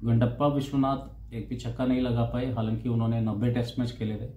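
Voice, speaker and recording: Mellow-voiced man reciting cricket stats. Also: medium pitch, little pitch movement, slight background noise. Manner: reads out figures, repeating numbers in Hindi and English; unhurried, with hesitations over names and numbers. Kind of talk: casual talk. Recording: roomy echo with faint ambience.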